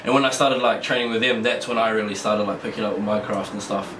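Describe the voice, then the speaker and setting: Talking fast in a fairly even, lowish voice, a young New Zealand-accented wrestler rambles and laughs as a guest in a casual interview, often restarting his sentences. The room echoes, the mic sits far off, and there's faint background noise.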